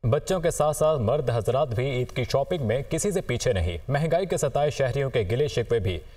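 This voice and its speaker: A man presenting the news in a formal, measured way, with a Pakistani Urdu accent, handing over to reporters. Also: medium pitch, expressive, darkish tone, far from the mic. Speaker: news anchor.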